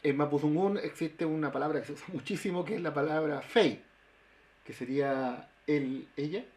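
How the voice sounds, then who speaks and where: Halting linguist explaining sounds. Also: male voice, fairly high pitch, a little mellow. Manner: halting, many fillers and restarts. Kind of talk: webinar explanation. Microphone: video call.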